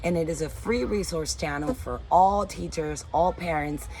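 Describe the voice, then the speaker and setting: Under a canopy in a backyard, a Dominican woman in her forties records a phone video about her teaching-artist work, sounding sincere and positive. Her voice is low and darkish, at a normal pace, with a little hiss or hum in the audio.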